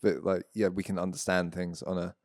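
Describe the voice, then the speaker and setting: A man's voice: low voice, flat delivery, brisk, darkish tone, no echo, studio quality. A man co-hosting a podcast in casual chat, thinking aloud hesitantly and trailing off. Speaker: podcast co-host.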